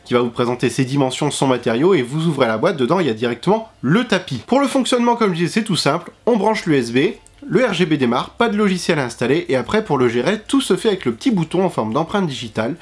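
A man giving a casual product review, chatting straight to his viewers with emphatic rises. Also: a little high. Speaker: tech reviewer.

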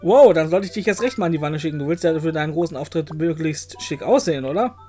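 Hosting a let's play, a man jokes with the game's characters and lets out silly exclamations in playful commentary. His voice is a little high, expressive and warm, at a quick pace, with soft background music.

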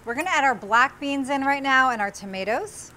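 This cooking-show host in her forties has a high, pushed and bright voice with lively intonation and a brisk pace. She gives friendly, step-by-step directions while cooking in a small studio kitchen. The lapel mic catches slight background noise.

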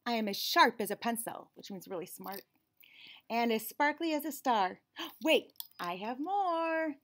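With a fairly high pitch, lively intonation and a measured pace, an American woman in her forties reads to young children from a picture book. She is a read-aloud host and teacher who reads expressively with friendly teaching asides. Around her is a small indoor room with shelves and cabinets.

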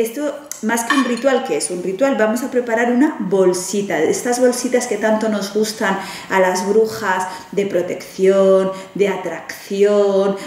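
A woman from Spain, a witch teaching rituals, stands at a table indoors and demonstrates one in a chatty tutorial, gesturing animatedly and often asking "¿vale?" to check in with viewers. Her mid-range, Spanish-accented voice is captured off-mic by a distant camera in an echoey room.

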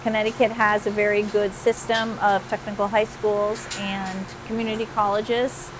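A woman in her fifties, co-owner of a machine shop, speaking in a measured, matter-of-fact way on a lapel mic. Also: mid-range voice, level tone. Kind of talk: interview answers. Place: large bright machine shop floor, indoors. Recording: clear shop hum behind.

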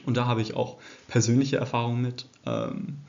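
A man's voice: mid-range voice, very animated, moderate pace, gravelly, a little mellow, lo-fi sound. Hesitant young man lecturing over slides. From England. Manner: hesitant, many fillers and restarts. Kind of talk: recorded slide presentation. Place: indoor room.

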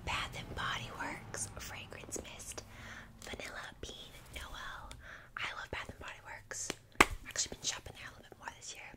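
A woman in her twenties whispering breathily and close up, as if sharing a secret, in a casual ASMR unboxing chat. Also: normal speed. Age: 20s. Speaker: ASMR video creator. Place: indoors, close-up at a desk in front of green screen.

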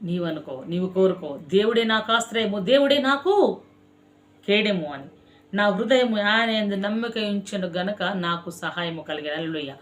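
A woman preacher delivers an impassioned sermon in a mid-pitched voice. She repeats short devotional phrases, stretching each one slowly and forcefully. Then she sinks to a hushed, quiet close and addresses the listener directly. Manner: slow emphatic chanting of scripture phrases, swelling then dropping soft; repetitive exhorting address to the listener.

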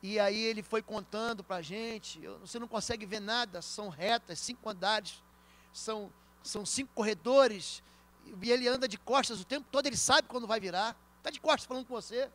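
A man with a Brazilian accent, a pastor preaching a sermon in church, telling stories and speaking straight to the congregation with emphatic swings between loud and soft. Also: high-pitched, a little fast. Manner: storytelling, addressing the congregation directly.

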